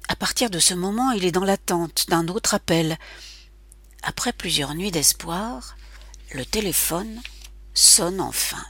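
Husky low woman narrating a novel. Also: expressive, measured pace, a bit bright, no echo. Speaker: audiobook narrator. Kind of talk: literary audiobook narration.

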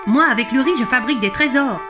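A nimble, clever storybook monkey, as a woman puts it on, squeaking its refrain very high. Chirpy and quick-witted, it sounds pleased with its own cleverness, with gentle music beneath. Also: natural voice. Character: clever, skilful little monkey.

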